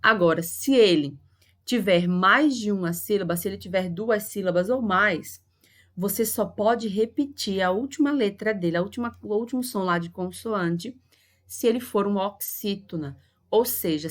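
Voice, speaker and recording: A woman's voice: medium pitch, normal speed. A woman English teacher, a Portuguese speaker, explaining a grammar lesson patiently and going over each point again. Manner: patient, repeats and spells out points.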